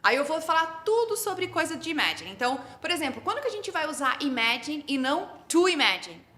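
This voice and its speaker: A Brazilian woman who teaches English, explaining her method in a lively, teacherly way and quizzing the host. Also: high-pitched, brisk. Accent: Brazilian Portuguese. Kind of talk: explanatory interview talk.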